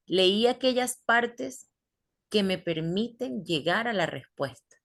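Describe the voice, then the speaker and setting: An English teacher leads an online class, patiently explaining things step by step and asking her students questions. Her medium-pitched voice is slow, a bit bright, and lively in intonation.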